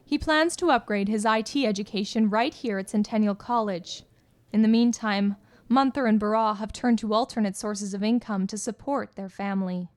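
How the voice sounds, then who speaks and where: A woman reporter reads scripted news as a voice-over, her delivery measured and clear. Her pitch sits in the medium range.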